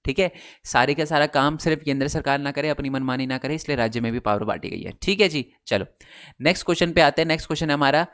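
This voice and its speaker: A man's voice: a little high, fast talker, fairly bright tone, smooth. Young male tutor, conversational explainer, frequent check-ins, mixes in English terms. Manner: conversational, checks in with "ठीक है" often, filler "अ". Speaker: teacher. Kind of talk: casual explainer lesson.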